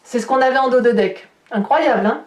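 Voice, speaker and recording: A woman with a fairly high voice speaks a little quickly, improvising a tarot reading for her horoscope video. She addresses her viewers directly and expressively. The mic is distant, so the sound echoes around the room.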